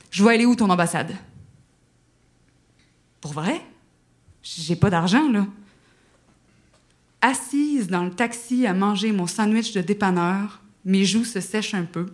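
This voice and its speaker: A young woman from Quebec with an Outaouais accent, telling a personal story with lively self-mockery and acting out her own pleas. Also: mid-range voice. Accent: Quebec French, Outaouais. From Quebec, Canada.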